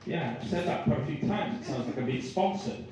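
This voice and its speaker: A man's voice: on the high side, lively intonation, brisk, very noisy. A man with a Swansea Welsh accent doing stand-up, rambling, self-deprecating and sweary as he banters with the audience. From Swansea, Wales. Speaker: stand-up comedian. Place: live comedy venue with small audience. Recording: very echoey room, distant mic.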